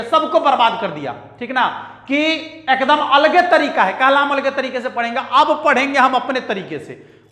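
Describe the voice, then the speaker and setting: A man's voice: very high-pitched, bright, forceful tone. A man teaching a math lesson, emphatic and repetitive, scolding and joking with students. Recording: echoey room with long reverb.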